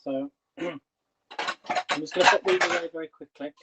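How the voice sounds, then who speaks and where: This livestream host is a man with a fairly high voice and a steady tone, talking at a normal speed as he rambles through casual chat in his kitchen. His voice is going, and he keeps restarting questions to viewers. The audio is dull, lo-fi and very noisy.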